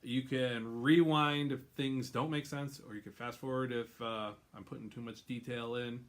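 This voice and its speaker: A man's voice: mid-range voice, fairly even intonation, moderate pace. Chatty rambling male host. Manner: chatty, rambling, laughs often. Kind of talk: casual chat.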